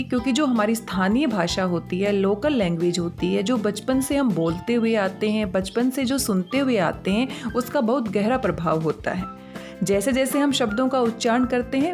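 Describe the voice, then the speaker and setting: A woman with a fairly high voice teaches a spelling lesson, calm and patient. She breaks each word into its sounds and explains them one at a time. Faint music plays under her voice. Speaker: Hindi teacher.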